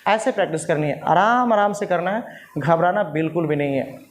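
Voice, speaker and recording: A man teaching spoken English in a patient lesson style, repeating drills slowly and calling his viewers friends, standing at a writing board. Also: on the high side, lively intonation. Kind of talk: classroom-style language lesson.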